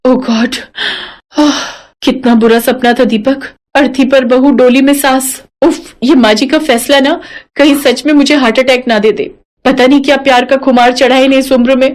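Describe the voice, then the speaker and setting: A woman's voice: high-pitched, steady tone, normal speed, close to an everyday voice. A woman voicing an anxious daughter-in-law, pleading and melodramatic. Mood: worried. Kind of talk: animated story voice acting.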